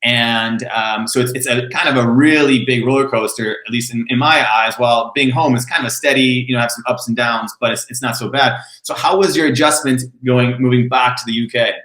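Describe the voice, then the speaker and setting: A man's voice: medium pitch, a little fast, few pauses, echoey room, low-quality recording. A man hosting an interview podcast, chatting casually with his guest and often murmuring agreement while she talks. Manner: relaxed, chatty, frequent "mm-hmm" backchannels. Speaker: podcast host.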